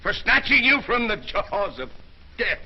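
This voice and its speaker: An actor playing a wry, grumbling small-town doctor in dry 1930s screwball comedy banter, from an old film soundtrack. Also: male voice, high voice, very animated, measured pace, husky, full character voice. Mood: aggrieved. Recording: muffled 1930s film soundtrack, faint noise.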